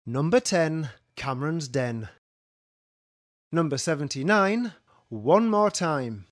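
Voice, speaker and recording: A man calls bingo in a slow, scripted sing-song. His pitch swings widely as he announces each call. The sound is close and dry, like a studio recording. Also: lively intonation, no echo. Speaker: bingo caller. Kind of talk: scripted bingo calling, numbers with rhyming nicknames.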